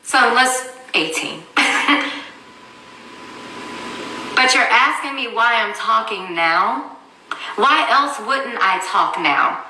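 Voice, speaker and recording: A woman's voice: on the high side, expressive, takes it slowly, pauses often, bright, forceful tone, slight background noise. A woman in her thirties on a livestream, telling her story as a mother in a blunt, angry and profane way. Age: 30s. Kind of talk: livestream rant. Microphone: phone. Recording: echoey room, far from the mic.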